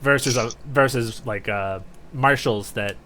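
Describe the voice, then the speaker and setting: A man acting as game master, narrating and refereeing a tabletop game casually, often pausing to think aloud. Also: medium pitch, noisy background.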